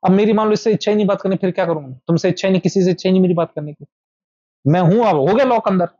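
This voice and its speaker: In an indoor meetup room, a small group hears an informal meditation lesson from a man with a high-pitched, dark-toned voice who talks very fast. He keeps repeating his points and addressing them directly, and the recording has no echo and cut-off highs.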